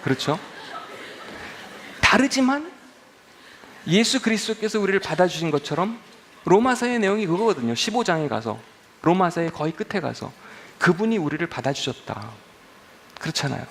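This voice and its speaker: Gravelly-voiced man preaching conversationally. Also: sits high, big pitch swings, normal speed, long pauses, slight background noise. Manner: conversational, asks the congregation questions. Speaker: pastor. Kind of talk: sermon with humor.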